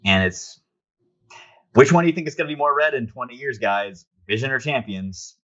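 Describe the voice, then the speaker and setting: A man's voice: mid-range voice, animated, fairly bright tone, lo-fi sound. A man co-hosting a casual podcast chat about comics, enthusiastic and opinionated. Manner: enthusiastic, opinionated, quick asides. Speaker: podcast co-host.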